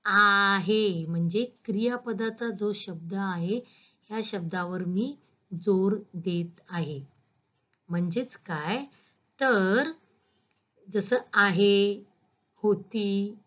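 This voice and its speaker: A woman's voice: mid-range voice, dull audio. A woman school teacher giving a patient, step-by-step grammar lesson, asking her students questions as she goes.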